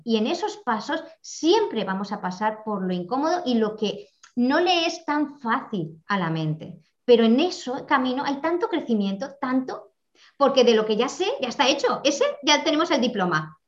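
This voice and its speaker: A woman talks reflectively in a somewhat high voice, animated and repeating phrases to drive a point home. The recording is muffled and lo-fi, with a dull sound. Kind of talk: reflective conversational talk. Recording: muffled lo-fi audio.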